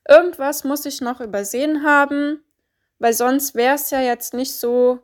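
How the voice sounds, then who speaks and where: A woman giving a calm, deliberate coaching monologue, stressing points through repetition. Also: on the high side. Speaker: spiritual coach.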